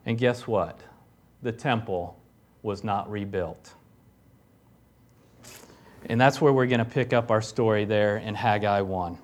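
A man's voice: on the low side, a little slow, long pauses. A man preaching a sermon, reading scripture aloud and pressing his points with rising emphasis and casual asides. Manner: emphatic preaching, rising loud on key phrases. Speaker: pastor.

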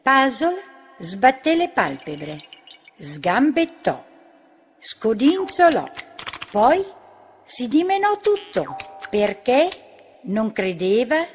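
A woman narrating a children's storybook in a slow, expressive reading voice. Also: fairly high pitch, slight background noise. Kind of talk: children's story read-aloud. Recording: music bed under the voice.

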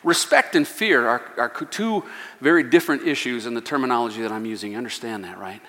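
A man preaching a sermon as senior pastor, swinging from hushed tones to loud, fervent calls and dropping in joking asides with a chuckle. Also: mid-range voice, fast. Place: church sanctuary. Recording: echoey church hall.

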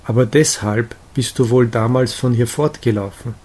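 A man reading a gentle, cheerful young woman's chatty, confiding lines in an audiobook of a romantic novella. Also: medium pitch, normal speed, slightly rough, natural voice. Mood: fond.

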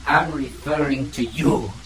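An actor playing a pompous villainous schemer, speaking in theatrical mock-archaic bombast. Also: male voice, medium pitch, a little slow, slight background noise, natural voice, rough recording. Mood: scheming. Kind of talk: audio drama acting.

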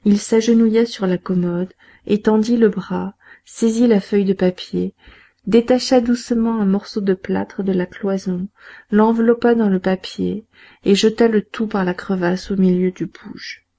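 A woman narrates a classic novel aloud as an audiobook reader, her medium-pitched voice steady and measured.

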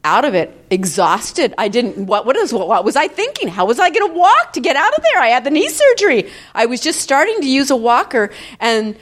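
A woman in her fifties telling a personal testimony in church, in an animated, chatty storytelling way with frequent laughter. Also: sits high, fairly quick, hardly any pauses. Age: 50s. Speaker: church member giving a testimony.

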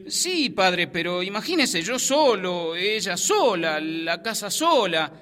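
A man's voice: high voice, big pitch swings, sharp tone, exaggerated voice. A man voicing a sheepish young man confessing his escapades to a priest, dragging out his excuses. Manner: drawn-out, sheepish pleading.

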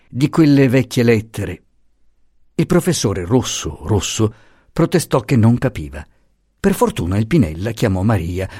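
A man narrating an audiobook of a classic novel with a lively, theatrical delivery. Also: on the low side, dry recording, studio quality. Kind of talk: expressive reading of a classic novel.

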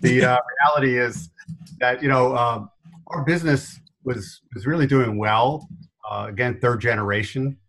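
Middle-aged man, faded new york accent, animated storyteller, podcast guest. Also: mid-range voice, moderate pace. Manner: animated storyteller, laughs often, punchy asides. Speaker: guest, business consultant.

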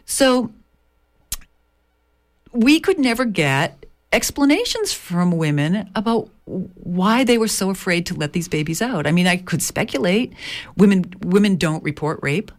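Being interviewed, a midwife and author reflects hesitantly, with frequent restarts and fillers. She's a native English speaker whose medium-pitched voice is animated and unhurried.

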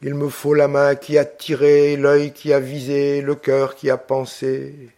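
A man's voice: mid-range voice, monotone, measured pace, mellow, natural voice. A man reading a cold, ironic young woman. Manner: ironic, composed, icy.

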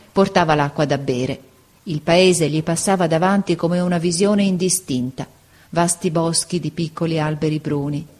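A woman narrating a classic story aloud in a steady, expressive storytelling manner. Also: lowish voice.

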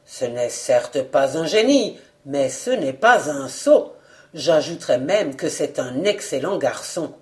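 Brief: shrewd, warm detective, emphatic and confident, voiced by the book's reader. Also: mid-range voice, lively intonation, slow pace. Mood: reasoning. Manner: assured, fatherly, emphatic. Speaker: detective in a novel. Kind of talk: audiobook character reading.

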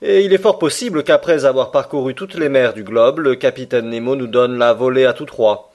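A man voicing a calm, devoted young manservant in an audiobook reading, speaking slowly and evenly in a raised voice. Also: mid-range voice, lightly acted. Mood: placid.

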